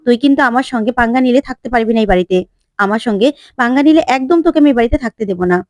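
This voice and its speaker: A woman voicing a sharp-tongued, spiteful young wife who scolds in quick, cutting lines. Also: high voice, animated, no room sound.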